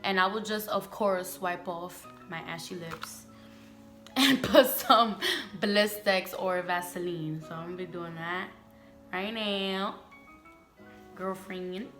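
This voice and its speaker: Soft music and an echoey room surround this young Bronx beauty vlogger as she gets ready on camera, talking candidly and emphatically to viewers she calls "sis" and "girl." Her speech is slangy and slow, in a fairly low-pitched yet slightly bright voice.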